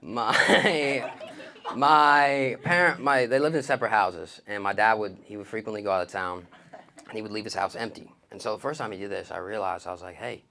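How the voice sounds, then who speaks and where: A young comedian's stand-up set features slang-filled storytelling with acted-out dialogue, performed on stage for an audience. His voice is fairly low with a sharp tone at a normal speed, and slight background noise can be heard.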